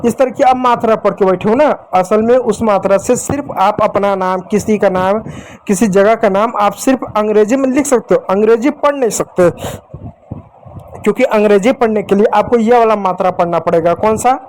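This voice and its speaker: Guy teaching beginners, kinda high voice, calls everyone dear kids, goes slow on each word. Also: darkish tone, low-quality recording. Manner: patient, addresses viewers as dear children, spells words out slowly. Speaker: English teacher. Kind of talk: spoken lesson for beginners.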